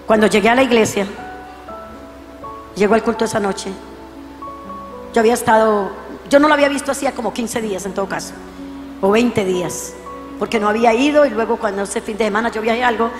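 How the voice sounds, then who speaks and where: A woman preacher delivers a sermon as a story, her fairly high voice dropping to a hush and then rising to fervent shouts. The sound rings with long reverb, and faint music plays underneath. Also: brisk, pauses often.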